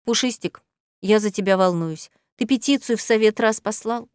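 A woman's voice: mid-range voice, normal speed, clean tone, dry recording, clean studio sound, natural voice. A woman voicing a playful, ironic young heroine who teases her friend in an audiobook. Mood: teasing. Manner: teasing, ironic. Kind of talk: audiobook character voice.

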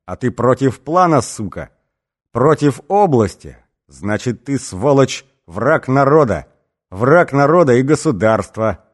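A man voicing a brutal, drunken male gang boss in an audiobook, shouting and snarling threats. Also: medium pitch, close to an everyday voice. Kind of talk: audiobook character voice.

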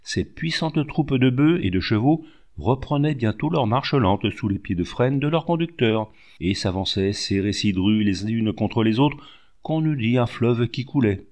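A man reading a classic novel aloud as audiobook narration, measured and expressive. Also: medium pitch. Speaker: audiobook reader.

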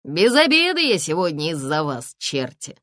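A woman's voice: low-pitched, big pitch swings, moderate pace, fairly bright tone, dry recording, clean studio sound. A woman doing a sly, jovial police colonel. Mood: jovial mocking. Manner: mocking, folksy banter.

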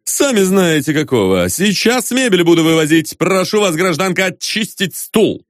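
A man's voice: high voice, huge pitch swings, measured pace, no echo, voice pushed up, exaggerated voice. Guy doing a stern brash swindler, bossy and clipped, dry close mic. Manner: curt, commanding. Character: stern, brash male con man.

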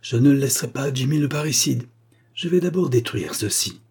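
A man voicing a dying old miser who shouts in raging outbursts. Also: fairly low pitch, moderate pace, husky.

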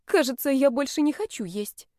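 A woman's voice: expressive, a little fast, no room sound, studio quality. A woman voicing a jittery, stubborn young witch girl with a whiny, cheeky way of talking. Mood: pleading. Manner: whiny, cheeky, high-strung.

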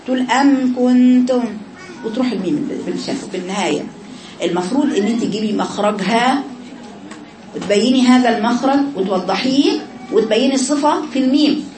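A woman's voice: fairly high pitch, fast. Egyptian lady teaching quran recitation, repeats sounds over and over, roomy recording with background noise. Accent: Egyptian Arabic. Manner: instructive, repeats sounds to demonstrate them. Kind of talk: classroom lesson on pronunciation. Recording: echoey, noisy room.

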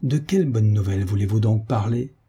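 A man's voice: fairly low pitch, a little fast, warm tone, breathy edge. A man voicing an earnest young officer who speaks with hesitant, moved sincerity.

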